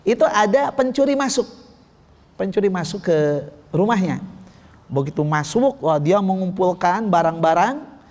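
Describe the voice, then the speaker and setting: Guy preaching, voice sits high, lots of questions to the crowd, long echo. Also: a little slow. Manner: lively, asks the audience questions. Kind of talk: religious lecture with storytelling. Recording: long hall reverb.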